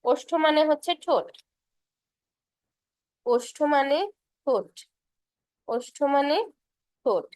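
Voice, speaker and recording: A woman's voice: high-pitched, slow, long pauses, darkish tone, dry recording. A young woman teaching a casual exam-prep lesson, patiently repeating terms and sketching as she explains. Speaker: tutor for university admission exams.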